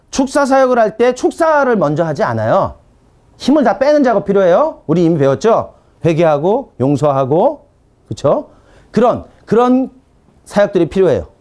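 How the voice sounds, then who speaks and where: A male preacher with a high voice that leaps around as he talks. He tells animated stories from his ministry and acts out his commands, then drops to a low, quiet, firm tone when he orders spirits to stop. The sermon is lively and conversational. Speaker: pastor teaching deliverance ministry.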